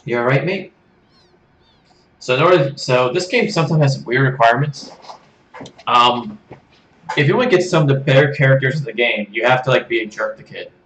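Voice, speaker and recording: A man's voice: medium pitch, expressive, a little fast, fairly bright tone, far from the mic, slight background noise. A man streaming a video game, chatting casually with jokes and self-deprecating asides. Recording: roomy room, faint game music.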